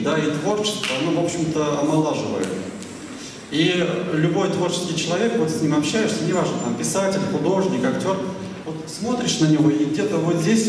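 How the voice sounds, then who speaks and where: 50s guy at a library q&a, rambly and thoughtful, lots of ums, kinda high voice, far off in a big echoey room. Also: background noise. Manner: musing, digressive, with pauses and fillers. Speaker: writer at a library talk. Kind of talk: answering audience questions. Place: library hall with audience. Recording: echoey hall, voice picked up from a distance.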